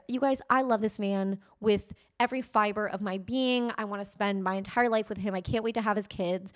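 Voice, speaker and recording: A woman in her late twenties, a podcast host, telling a personal story in a chatty, animated way. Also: fairly high pitch. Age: 20s. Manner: chatty, animated, addresses listeners as "you guys". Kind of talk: casual storytelling.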